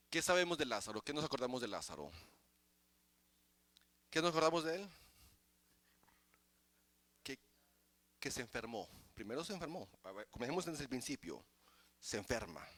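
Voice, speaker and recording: A male pastor preaching a sermon in church, moving from quiet explanation to loud, chanted exhortation. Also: medium pitch, big pitch swings, normal speed, pauses often. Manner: starts quiet and builds to shouting, chanted preaching.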